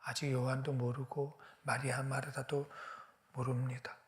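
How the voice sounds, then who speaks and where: A man's voice: medium pitch, little pitch movement, a little slow. A male pastor preaching a sermon, retelling the story dramatically and often dropping his voice to a whisper.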